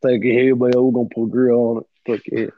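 A man's voice: medium pitch, flat delivery, fast talker, dry recording, narrow, tinny audio. A man in his thirties co-hosting a podcast, chatting casually with loose, profane banter. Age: 30s. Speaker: podcast co-host. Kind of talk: casual chat.

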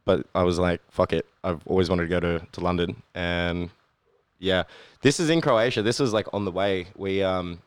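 Young Australian guy, very low-pitched, easygoing and rambling, recorded dry and close. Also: moderate pace, clean tone, no echo. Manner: laid-back, rambling with fillers and swearing. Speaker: guest. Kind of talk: casual chat.

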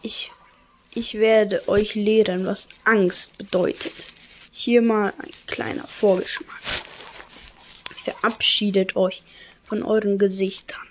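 A woman reading out a gloating male dark lord villain in a video game, with a whispery, drawn-out delivery. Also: mid-range voice, little pitch movement, slight background noise, natural voice. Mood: menacing. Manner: whispery, drawn-out evil laugh.

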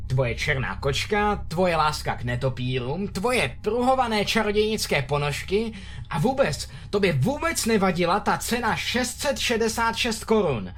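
A man's voice: high voice, sing-song, fairly bright tone, soft background music, voice pushed up, heavily acted. A man voicing a panicky, superstitious young boyfriend in frantic, pleading outbursts.

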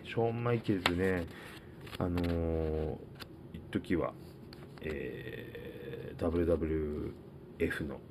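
Low, mellow-voiced man chatting alone. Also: a little hiss or hum. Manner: rambling, filler-heavy, reads out list items. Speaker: podcast host. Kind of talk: casual solo talk.

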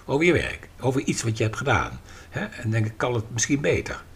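Man, podcast guest, lively swinging intonation, emphatic, acts out quotes, mid pitch. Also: fast, husky. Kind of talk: conversational podcast talk.

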